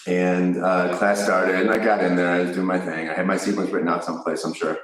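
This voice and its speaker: A low-voiced man with a Chicago accent tells a meandering story about teaching yoga. He talks casually and keeps restarting his sentences. He sounds a little far from the mic in a very echoey room. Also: level tone, fast. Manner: rambling, self-correcting anecdote with laughs.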